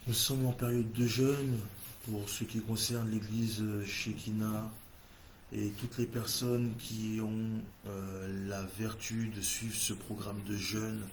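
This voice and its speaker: Fairly low and flat, the voice of this English-accented church host keeps a measured pace while he leads an intense, repetitive prayer in French during a livestream. Some hiss or hum sits under the recording.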